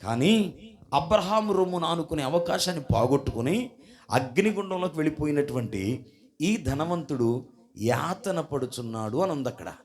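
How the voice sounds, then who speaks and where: A man with a voice on the high side preaches animatedly at a church service, speaking at normal speed. He keeps questioning the congregation and calling for their responses, his voice swinging suddenly between loud and soft.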